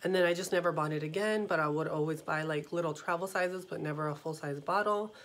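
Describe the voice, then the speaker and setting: Enthusiastic female fragrance vlogger, thirties, slightly low pitch, chatty with lots of "really" and "um". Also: quick pace. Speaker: fragrance reviewer. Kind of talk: casual product review to camera. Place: small wood-paneled room indoors.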